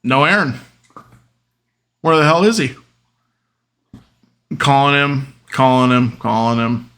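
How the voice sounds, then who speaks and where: A man hosting a podcast, telling casual stories in a rambling way, full of fillers, getting loud and animated when he retells arguments. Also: medium pitch, slow pace, smooth. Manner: rambling, with many fillers like "um" and "whatever". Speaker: podcast host. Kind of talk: casual storytelling monologue.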